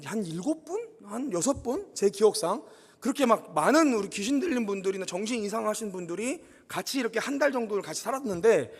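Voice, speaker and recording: A man preaching a sermon in a church, telling a personal story in an animated way and speaking straight to the congregation. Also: sits high, husky, long reverb tail. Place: church sanctuary.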